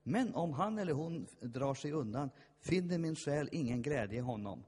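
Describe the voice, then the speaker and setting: A man's voice: on the high side, expressive, darkish tone, slightly rough. A man preaching a fervent sermon, telling stories and acting out the voices in them. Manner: fervent, storytelling, acts out voices. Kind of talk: lively sermon with shouted peaks. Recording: long hall reverb.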